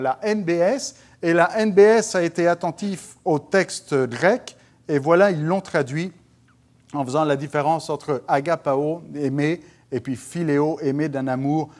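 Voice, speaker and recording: A man, a pastor preaching a sermon in an animated way, with joking asides to his congregation. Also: fairly high pitch, normal speed.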